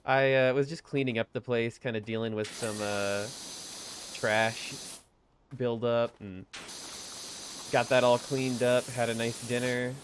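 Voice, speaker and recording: A man's voice: medium pitch, little pitch movement, measured pace, pauses often, noisy background. Young guy from colorado streaming from home, easygoing chat with his viewers, laughs a lot. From Colorado, USA. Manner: chatty, laughs easily, reads chat aloud. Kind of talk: casual live-stream chat.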